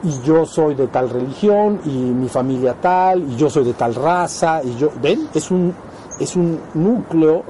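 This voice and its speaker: A spiritual teacher with a Mexican accent gives an informal lesson, explaining ideas and often asking short questions to check that his students follow. His voice is fairly high, expressive, mellow and a little slow. The low-quality recording has slight background noise.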